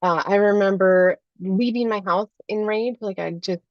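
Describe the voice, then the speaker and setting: A woman's voice: medium pitch, moderate pace, no echo, lo-fi sound. A woman life coach talking as a podcast guest in a chatty way, often adding "like" and "right?". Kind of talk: podcast interview.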